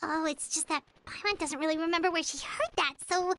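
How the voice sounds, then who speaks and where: Childlike fairy sidekick, extremely high squeaky voice, excitable, hesitant, anime game, noisy background. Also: female voice, brisk. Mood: hesitant, thinking. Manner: squeaky, talks in third person, hesitant.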